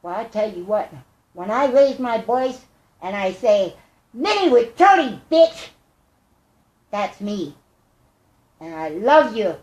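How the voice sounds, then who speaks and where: An older woman with a squeaky, chipmunk-like helium voice, speaking earnestly and haltingly in a rambling personal monologue. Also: darkish tone. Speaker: vlogger. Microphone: tablet microphone. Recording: echoey room.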